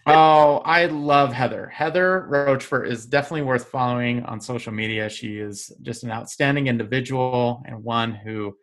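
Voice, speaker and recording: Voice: mid-range voice, a bit bright. A podcast host who talks playfully and teases the guest while announcing a quiz game. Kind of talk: casual interview hosting.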